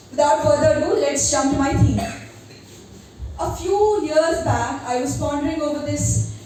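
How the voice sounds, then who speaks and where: A seventeen-year-old young woman giving an earnest, dramatic spoken-word poetry performance at an open mic, with deliberate phrasing. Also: high-pitched, warm tone. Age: teenager, seventeen. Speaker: amateur poet at a first open mic. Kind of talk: spoken-word poetry recital with personal introduction. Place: live open mic venue, recorded from a distance. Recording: very echoey room, distant mic, faint noise.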